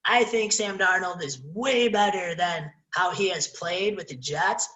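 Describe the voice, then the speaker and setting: A man's voice: high voice, a little slow, bright, forceful tone, reverberant, rough recording. A man co-hosting a podcast who chats casually about sports, leads the talk and moves it along to new topics. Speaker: podcast co-host.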